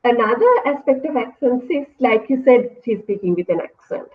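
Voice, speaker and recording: Over video-call audio that sounds like a phone line, a woman with a Sri Lankan accent talks at normal speed in an animated, fairly high voice. She lectures in English at a university and is explaining her views in an academic online interview, thoughtfully and with self-corrections.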